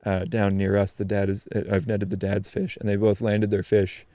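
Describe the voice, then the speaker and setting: Lively low-voiced man telling a story. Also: moderate pace, dry recording. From eastern Canada. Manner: animated storyteller, frequent ums and restarts. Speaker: podcast guest. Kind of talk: casual storytelling chat.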